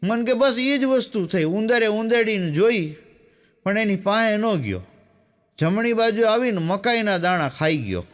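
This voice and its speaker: A man's voice: sits high, lively intonation, a little slow. A man with a Saurashtra Gujarati accent telling jokes as a stand-up comic, acting out the dialogue of the people in his stories. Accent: Gujarati, Saurashtra dialect. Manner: storytelling, quoting characters in dialogue. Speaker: stand-up comedian.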